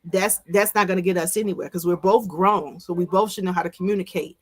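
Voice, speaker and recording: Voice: mid-range voice, steady tone, fast talker, breathy edge. A co-host of a casual podcast, speaking frankly and emphatically about relationships.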